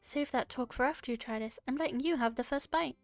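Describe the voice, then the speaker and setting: A woman voicing a gentle, refined young woman in a visual novel, speaking softly and politely. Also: high-pitched, fast talker, faint music behind. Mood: warm teasing. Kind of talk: reading a visual novel aloud.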